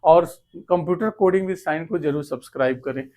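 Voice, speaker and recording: A man's voice: a little high, fairly quick, warm tone. A man teaching computer basics, reading out quiz options, then asking and answering himself, with English terms mixed into his Hindi. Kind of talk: explaining quiz questions step by step.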